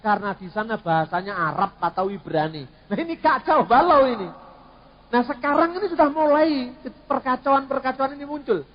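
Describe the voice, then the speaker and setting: A middle-aged man gives an animated, joking talk on theology, dropping in words. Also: extremely high pitch, normal speed. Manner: animated, jokey, mixes in Javanese words. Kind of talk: lively teaching talk with humor. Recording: dull sound in a long-echoing hall.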